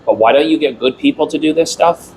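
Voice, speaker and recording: A man's voice: a little high, quick pace, creaky, a little mellow, slight background noise, low-quality recording. A man, a city councilor, guesting on a podcast and speaking bluntly, repeating points for emphasis. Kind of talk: casual podcast conversation.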